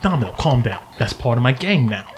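A man's voice: medium pitch, big pitch swings, slight background noise, lightly acted. A man voicing a gaunt, jokey human gang leader with a chummy, teasing manner in a tabletop game. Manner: chummy, teasing, quick to laugh.

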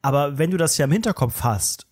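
A man's voice: fairly high pitch, lively intonation, fairly quick. A man co-hosting a casual chat, asking dry, teasing questions. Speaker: podcast co-host.

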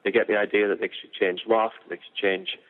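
A man's voice: on the low side, level tone, fairly quick. A man, a golf equipment engineer, explaining driver technology in detail with frequent fillers. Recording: tinny phone-like audio.

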